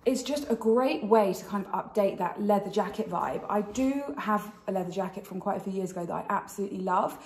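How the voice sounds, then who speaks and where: A British woman chats to camera as a fashion vlog host. Wearing retainers slightly affects how she forms her words. Her voice sits at a middling pitch, with the noticeable echo of a kitchen around it. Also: a little fast, few pauses. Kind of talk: chatty styling vlog. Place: indoors in a kitchen.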